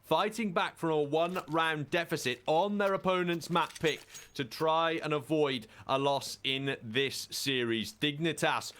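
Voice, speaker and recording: A man's voice: fairly high pitch, unhurried, few pauses, a bit bright. A man working as an esports caster, giving fluent analytical match commentary in long explanatory sentences.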